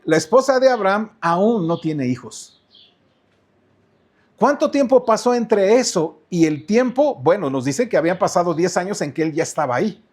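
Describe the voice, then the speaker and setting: Mexican pastor, male, high voice, questioning sermon delivery with shifting pace. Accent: Mexican Spanish. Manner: asks the congregation questions, repeats words, changes pace often. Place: church.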